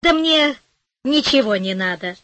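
A woman's voice: high voice, animated, a little slow, fairly bright tone, no room sound. A woman voicing a kindly, humble male shoemaker in a storybook, simple and friendly. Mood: modest.

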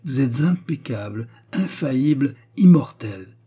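A man's voice: medium pitch, lively intonation, unhurried, mellow, husky. A man voicing fawning courtiers who heap extravagant praise on their lord. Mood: gushing. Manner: gushing, lofty praise. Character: fawning male courtiers and flatterers.

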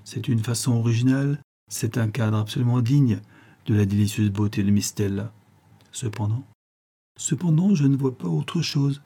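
Calm courteous inspector, read by a man, measured and gently persuasive, husky low tone. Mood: reassuring. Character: calm, courteous, ironic male police inspector.

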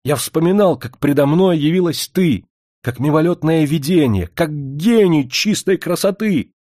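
A man's voice: mid-range voice, animated, fairly quick, darkish tone, breathy edge, dry recording, studio quality. A man voicing a middle-aged writer who bursts out flustered and declaims pompously. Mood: indignant.

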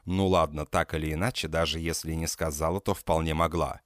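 A man's voice: a bass voice, fairly even intonation, fairly quick, dry recording, studio quality. A man reading a first-person novel aloud, with an intense, dramatic and sardonic delivery. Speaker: audiobook reader. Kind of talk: first-person audiobook narration.

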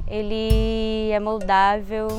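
A woman who coordinates a workshop, giving a slow, reflective testimony in a collage of voices. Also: medium pitch, completely flat delivery, a little mellow. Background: music.

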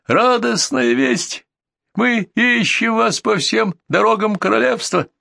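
Excited fairy-tale messengers shouting joyful news in high, ringing voices, as a male narrator puts them on. The pitch leaps up far above his normal reading and swings widely. The recording is dry. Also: takes it slowly, gravelly, no room sound, exaggerated voice. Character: excited royal messengers, men.

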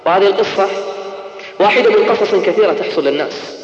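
A man preaching an emotional sermon, swinging from hushed to urgent and slowing into melodic chanted recitation. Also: high-pitched, slight background noise. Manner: impassioned, rising and falling, slow melodic chanting of verses. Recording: echoey hall, dull lo-fi tape.

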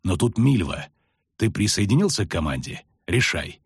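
A man voicing a grim middle-aged male witcher who speaks low and clipped through gritted teeth, in an audiobook. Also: big pitch swings, moderate pace, breathy edge, no echo, studio quality, exaggerated voice.

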